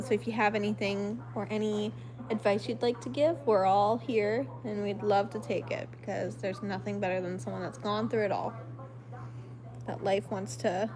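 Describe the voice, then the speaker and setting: A woman in her thirties hosting a casual late-night live stream at home, reading viewer comments in a rambling, apologetic way with lots of "um"s, close to her phone. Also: medium pitch. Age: 30s. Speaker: livestream host. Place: at home at night, lit by a flashlight. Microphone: phone camera held close.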